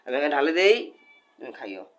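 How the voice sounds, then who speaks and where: A man's voice: mid-range voice, big pitch swings, fast, fairly bright tone. A man, filming at home at night and coaxing cats with repeated sing-song calls. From Bangladesh. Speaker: vlogger feeding cats. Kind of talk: casual home video. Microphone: phone camera.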